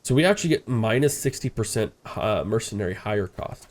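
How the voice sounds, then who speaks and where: With a lowish voice, lively intonation and a slightly fast pace, a stuffed-up, congested man gives casual let's-play commentary on a strategy game. He rambles and thinks aloud, leaning on frequent "uh" fillers.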